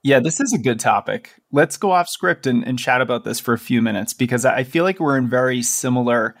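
A man in his late thirties hosts a podcast in a relaxed, joking tone, full of fillers. His middle-pitched voice is recorded dry and close. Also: a little fast, dry recording. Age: 30s. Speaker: podcast host. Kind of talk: casual podcast chat.

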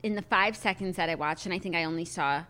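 This woman co-hosts a podcast and chats casually in a fast, lowish voice. Her tone comes across as bright and forceful.

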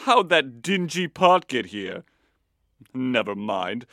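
A woman's voice: a bass voice, big pitch swings, takes it slowly, a bit bright, no echo, studio quality, full character voice. A woman voicing a greedy, sneering rich man who sputters and panics in a children's audio story. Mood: disdainful.

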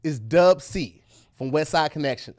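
A man's voice: a little high, animated, moderate pace, darkish tone. An American man chatting casually, slangy and emphatic. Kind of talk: casual chat.

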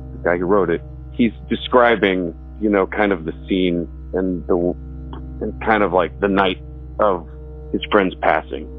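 A man from Texas casually recounting a story at home in a loose, rambling way, with restarts. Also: lowish voice. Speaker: musician and homeowner telling a ghost story. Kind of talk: casual spoken recollection. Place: his house in the woods. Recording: dry, thin phone-like sound.

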